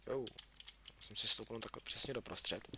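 Over distinct keyboard and mouse clicks, a chatty young man with a lowish voice gives casual let's-play commentary as a gaming YouTuber. He talks to himself and yelps when alarmed, with some background noise present.

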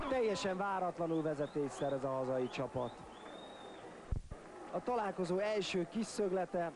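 A man giving sports commentary on a football match in clipped phrases, naming players and lifting his voice at chances. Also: mid-range voice. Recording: stadium crowd noise behind commentary. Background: football crowd.

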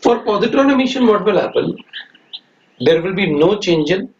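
A man with an Indian accent teaching chemistry. He repeats lines slowly for his students to copy, then explains quickly in mixed Hindi and English. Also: high voice, animated, darkish tone. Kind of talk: classroom lecture. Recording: echoey room, distant dull mic, faint noise.

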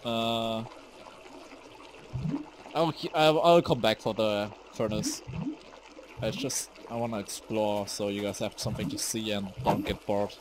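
A young man streaming a game live, rambling casually, easily startled, swearing and shouting at enemies. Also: fairly low pitch, measured pace, pauses often, a little hiss or hum. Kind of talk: live gameplay commentary.

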